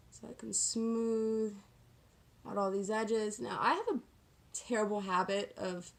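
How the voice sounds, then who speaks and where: Sassy woman chatting through makeup. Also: medium pitch. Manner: sassy, slangy, self-deprecating. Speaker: makeup vlogger. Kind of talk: casual chatty get-ready-with-me tutorial.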